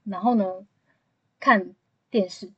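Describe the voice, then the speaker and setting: Woman chatting on a podcast, kinda husky, just telling her story. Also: medium pitch, slow, sharp tone, lo-fi sound. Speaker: podcast co-host. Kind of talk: casual chat.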